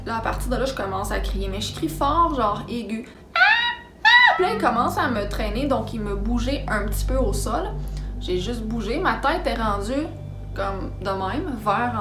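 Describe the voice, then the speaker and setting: A young woman with a Québécois accent telling a story in a casual, animated, dramatic way. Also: on the high side. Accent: Québécois French. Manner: animated, dramatic, acts out sounds and quotes. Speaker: vlogger. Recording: roomy echo with background music.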